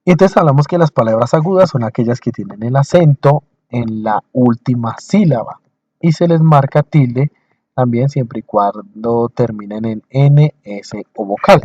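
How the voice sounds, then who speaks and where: A male teacher giving a recorded lecture over slides, explaining in short, slow phrases, repeating points and checking in with his listeners. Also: medium pitch, a little mellow, dry recording, lo-fi sound.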